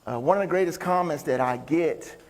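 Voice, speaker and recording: Here a man's brisk, slightly high voice rings through a reverberant hall as he delivers an upbeat, folksy stage talk. He's a motivational speaker and musician, trading banter with the audience at a large indoor venue.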